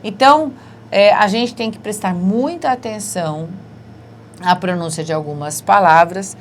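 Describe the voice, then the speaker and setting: A woman's voice: mid-range voice, a little slow, a little hiss or hum. Woman teaching grammar, step by step. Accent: Brazilian Portuguese. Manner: explains step by step, tags questions with né and certo. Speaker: Portuguese teacher. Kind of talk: exam prep lesson.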